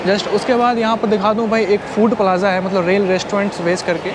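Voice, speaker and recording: A man's voice: high voice, flat delivery, fairly quick. A young man in his twenties chatting casually to viewers in a travel vlog, recorded on a lapel mic at a busy railway station. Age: 20s. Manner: chatty, keeps calling viewers "bhai". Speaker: travel vlogger. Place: busy railway station platform and food court, indoors and out. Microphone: clip-on lapel mic and handheld camera. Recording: loud station noise behind.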